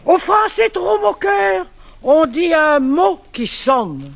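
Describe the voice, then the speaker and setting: High-pitched Brussels man, slow and gravelly. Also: sing-song. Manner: proud, declamatory, mocking. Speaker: comic performer. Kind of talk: comic sketch with recited verse.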